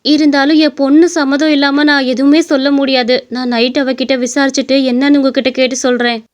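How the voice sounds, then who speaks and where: Give me a woman playing a worried cartoon mother, quick and muffled. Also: high voice, little pitch movement, lightly acted. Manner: pleading, persuasive. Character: anxious middle-aged mother. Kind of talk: cartoon story voice acting. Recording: dull lo-fi recording.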